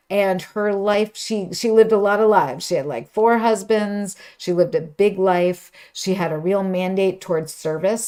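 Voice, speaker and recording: A woman's voice: fairly low pitch, dark tone. A woman hosting a knitting livestream from her studio, chatting casually and rambling through asides. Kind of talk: casual live-stream chat.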